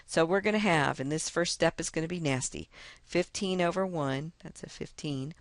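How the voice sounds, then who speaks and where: A woman's voice: sits low, no room sound. A woman math teacher talking through a lesson step by step in a chatty, self-mocking way. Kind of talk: casual screen-recorded lesson walkthrough.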